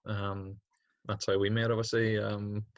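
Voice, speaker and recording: Speaking with a Northern Irish accent, a young man from Derry who teaches PE at a secondary school reflects casually in an interview, working through his ideas hesitantly. He has a level, measured delivery in a low-ish register, recorded with no echo and the high frequencies cut off.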